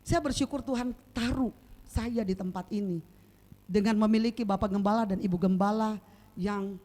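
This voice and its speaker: A woman delivers a church sermon at a middle pitch, telling stories with vivid sound effects. She keeps turning to the congregation with quick questions, pulling them into the story. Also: dark tone. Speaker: preacher.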